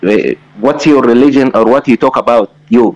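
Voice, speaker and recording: A man from Egypt, an Arabic speaker, politely and apologetically asking questions in halting second-language speech. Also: medium pitch, a little mellow. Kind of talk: casual questioning in discussion. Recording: dull lo-fi audio.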